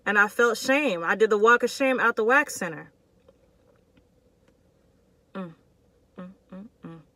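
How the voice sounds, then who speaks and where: A woman talks straight to camera in a storytime vlog, loose and slangy and full of expression. Her voice sounds bright and forceful. The sound is dry and close. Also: medium pitch, lively intonation, measured pace, no echo. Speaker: vlogger telling a personal story. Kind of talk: casual storytime chat.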